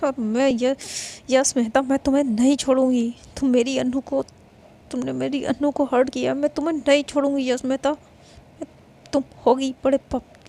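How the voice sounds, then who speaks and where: A woman's voice: high voice, flat delivery, moderate pace, warm tone. A woman voicing a protective, loyal young woman in a spoken romance story, talking in an insistent, indignant way.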